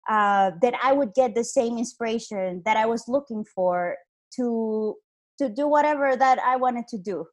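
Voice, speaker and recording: Her voice is fairly high and her pace moderate as this Honduran woman in her twenties chats on a podcast through a video call. She talks casually in an interview style, saying "like" a lot and often starting her sentences over.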